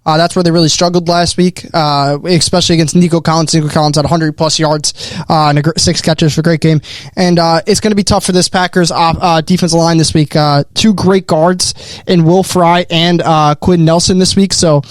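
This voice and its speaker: Brief: young male podcast host, halting filler-heavy delivery, slightly high, dry close mic. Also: steady tone, no echo. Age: young adult. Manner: hesitant, filler-heavy "uh" before most phrases. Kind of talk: casual sports podcast chat.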